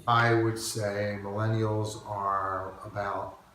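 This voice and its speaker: A man's voice: on the low side, flat delivery, slow, bright, forceful tone, slight background noise. A middle-aged man in advertising sales, answering interview questions hesitantly with many fillers. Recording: very echoey room.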